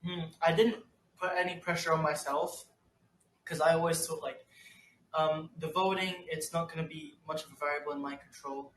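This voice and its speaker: A man's voice: fairly high pitch, fairly even intonation, moderate pace, fairly bright tone. A young man talking as a podcast guest in a rambling way, with lots of fillers and restarts. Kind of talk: casual interview chat. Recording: roomy room with faint noise.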